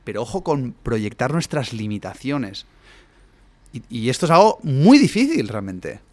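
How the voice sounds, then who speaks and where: A man's voice: mid-range voice, big pitch swings, a little slow, a little mellow. A man, a guest coach explaining his ideas at length in a podcast conversation, often closing points with rhetorical questions. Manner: expansive, lecturing, frequent rhetorical tag questions.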